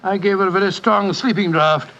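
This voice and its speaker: An actor playing an earnest, hesitant English doctor with a British accent and a blustery, halting manner in a 1940s radio drama. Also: male voice, sits high, steady tone, pushed and bright. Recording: dull, noisy 1940s radio recording.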